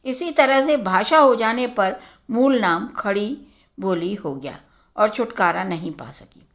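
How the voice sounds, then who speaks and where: A woman giving a measured academic lecture, listing word forms one by one. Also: medium pitch, animated. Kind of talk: slow academic lecture on Hindi dialects.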